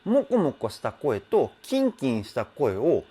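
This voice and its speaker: A man's voice: mid-range voice, huge pitch swings, unhurried, warm tone, husky. A man working as a vocal trainer, talking casually as he analyses a singer's technique, laughing often and humming bits of the melody. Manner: chatty, self-deprecating, laughs often, hums and imitates sung phrases.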